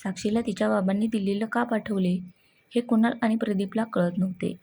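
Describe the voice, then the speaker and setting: Woman storyteller, even read, husky and gravelly. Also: mid-range voice, a little fast. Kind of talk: scripted story narration.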